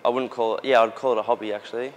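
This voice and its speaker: A man's voice: mid-range voice, steady tone, very fast, a little hiss or hum. A young Australian soccer player answering interview questions in an earnest, casual way, often restarting his sentences. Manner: earnest, with frequent restarts and fillers. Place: outdoors near a gym in a built-up area.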